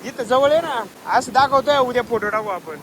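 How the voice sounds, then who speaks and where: A man's voice: very high-pitched, brisk, noisy background. A man talking casually to viewers as he vlogs outdoors, in a chatty way, recorded on a handheld phone. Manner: chatty, addresses viewers directly. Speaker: vlogger. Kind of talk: casual vlog narration. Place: outdoors, farm and village.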